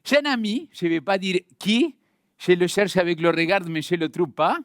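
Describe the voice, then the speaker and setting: A pastor from Argentina, with a light Argentine Spanish accent, preaches a sermon in a church hall, addressing his congregation directly in a friendly, conversational manner. His voice is high-pitched and moves at a normal speed. The studio sound is clean, with no echo.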